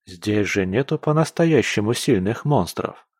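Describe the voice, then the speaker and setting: A man playing a grumbling young hunter from an audiobook, low-pitched and dry. He mutters in a wry, irritated way, as if talking to himself. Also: expressive, a little slow, husky, dry recording. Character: young male monster hunter, sardonic and grumbling.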